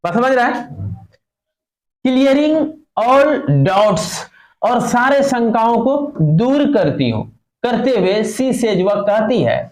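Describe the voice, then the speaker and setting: A man's voice: very high voice, lively intonation, slow pace, reverberant. A male teacher explaining an English lesson to students, firing questions at the class and repeating their answers.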